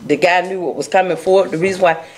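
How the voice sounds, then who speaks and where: A woman's voice: lowish voice, steady tone, fast, slight background noise. A middle-aged woman council member, speaking earnestly at a council meeting into a desk microphone, with frequent restarts. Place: council chamber at a dais.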